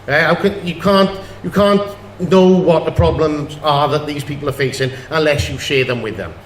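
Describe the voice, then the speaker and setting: A man's voice: fairly high pitch, normal speed. A man with a South Wales Valleys accent answering as a candidate at a public hustings. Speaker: election candidate. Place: indoor public meeting hall. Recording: echoey hall, faint noise.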